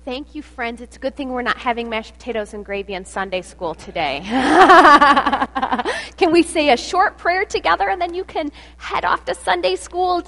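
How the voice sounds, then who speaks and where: A woman pastor in church leading a short prayer line by line, gentle and guiding. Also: high-pitched, lively intonation, normal speed.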